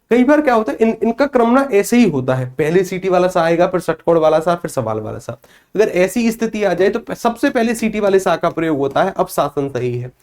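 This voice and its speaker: A man with a somewhat high voice teaches a spoken grammar lesson. He keeps asking the class a question and then answering it himself. When he shows pronunciation, he sounds out the letters one by one, slowly. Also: darkish tone. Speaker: Hindi teacher.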